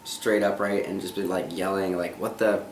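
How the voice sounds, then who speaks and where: A man's voice: sits low, level tone, normal speed, echoey room, slight background noise. A young man telling stories in casual chat beside his wife, easygoing and acting out what was said. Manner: easygoing, acts out quotes. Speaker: husband and co-host.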